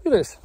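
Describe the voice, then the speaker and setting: A man vlogging outdoors by a mountain lake, talking to the camera in a wry, self-deprecating way. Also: dark tone. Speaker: fishing vlogger. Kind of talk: casual outdoor vlog narration.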